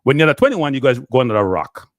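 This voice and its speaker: Middle-aged Jamaican man, live-stream host, preachy and lively, patois slips, dry close sound. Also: medium pitch, racing, dry recording. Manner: animated, lecturing, slips in and out of patois, answers viewer chat. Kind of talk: ranting live stream commentary.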